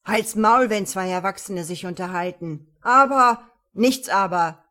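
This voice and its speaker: A woman voicing a brash, aggressive male police officer in his forties who snaps and scolds loudly. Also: medium pitch, unhurried. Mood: scolding. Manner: snappish and scolding, loud.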